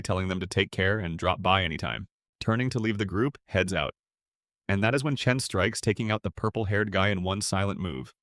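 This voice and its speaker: A man narrating a comic story recap in a brisk, dramatic way with sarcastic asides. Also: low voice, a bit bright, dry recording, clean studio sound.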